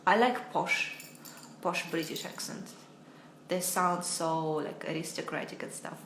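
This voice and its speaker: A woman's voice: lowish voice, unhurried, a bit bright, a little hiss or hum. A young American woman teaching English on a casual livestream, chatty and hesitant, often laughing at herself, talking from home into a phone. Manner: chatty, hesitant, self-deprecating. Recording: roomy echo.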